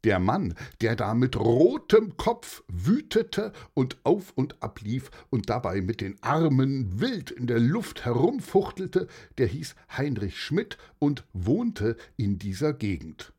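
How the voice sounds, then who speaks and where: A man narrating a children's audio story in an expressive, playful way. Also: medium pitch, takes it slowly, few pauses, husky.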